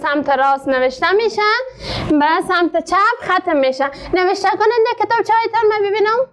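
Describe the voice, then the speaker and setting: A woman teaching a literacy class in an Afghan Dari accent, asking the class many questions and reading syllables out very slowly. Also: very high-pitched, animated. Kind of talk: classroom lesson.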